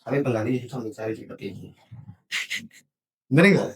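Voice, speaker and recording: A man's voice: medium pitch, fairly quick, breathy edge. A middle-aged married man in a casual talk show, answering frankly and rambling a bit. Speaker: married guest. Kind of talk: casual chat.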